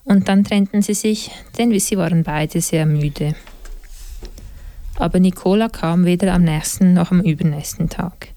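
A woman narrating an audiobook with a calm, steady reading. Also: fairly low pitch, measured pace, no echo. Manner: calm, steady reading, occasional slips and self-corrections.

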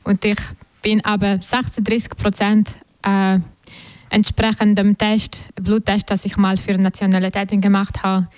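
A woman's voice: mid-range voice, flat delivery, unhurried, darkish tone, no echo. A young woman from Ukraine introduces herself as a violinist guest on live radio. She speaks German earnestly, with slightly phrasing. Her voice is picked up close and dry.

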